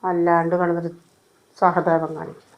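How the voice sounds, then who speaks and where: A woman's voice: on the low side, completely flat delivery, moderate pace, lo-fi sound, lightly acted. A woman playing a harsh, sarcastic stepmother in an amateur family short film. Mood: scornful. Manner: scolding, scornful, sarcastic.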